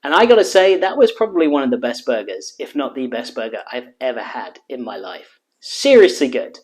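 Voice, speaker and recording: Excitable man hosting a cooking vlog. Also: medium pitch, a little fast. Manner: energetic and jokey, exclaims while tasting; calm, steady instruction in voice-over. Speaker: cooking show host. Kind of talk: cooking vlog, narrating recipe and tasting.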